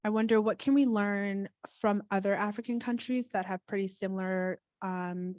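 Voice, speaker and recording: Woman from cameroon, audience member, quick thoughtful question, dry sound. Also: mid-range voice, darkish tone, no echo. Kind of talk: asking a question.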